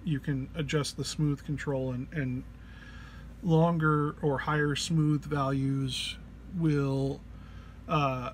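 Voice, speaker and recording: A musician gives a laid-back walk-through of an effects pedal patch, speaking slowly in a slightly high, level voice. Hesitant and a bit under the weather, he keeps searching for words. Background noise can be clearly heard.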